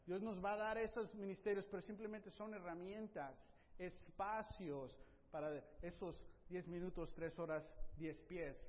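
A middle-aged pastor preaches to his congregation in a high, lifted voice. He urges his listeners on, punctuating points with amens and softening at the ends of phrases. The recording is dull and carries the long echo of a church hall. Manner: exhorting, frequent "amén", drops to soft emphasis at phrase ends. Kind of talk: bilingual church sermon. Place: church sanctuary.

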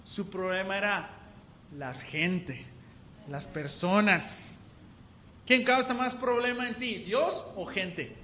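A man preaching a church sermon in a conversational way, often asking the listeners whether they follow and drawing out key words. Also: high-pitched. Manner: conversational, keeps asking the listeners "you know?"; slow and deliberate, stretching key words. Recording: long hall reverb, dull lo-fi sound, faint background noise.

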